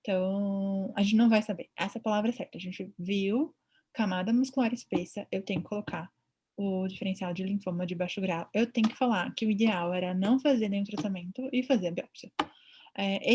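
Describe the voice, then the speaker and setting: A woman's voice: mid-range voice, a little fast, darkish tone, husky. A woman with a Brazilian Portuguese accent giving a chatty online veterinary ultrasound lecture, often acting out her own thoughts.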